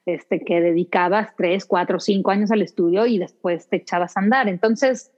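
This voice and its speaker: A woman from Mexico City with a Mexico City Spanish accent, an actress chatting as an interview guest in a lively, rambling way. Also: medium pitch, normal speed. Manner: chatty, many restarts and fillers. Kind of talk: casual interview conversation. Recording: dull lo-fi sound.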